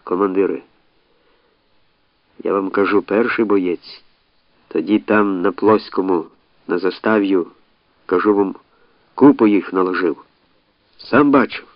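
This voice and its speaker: A man voicing a rough, loyal soldier who talks earnestly and plainly to his commander. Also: low voice, no echo, highs cut off. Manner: earnest, folksy storytelling.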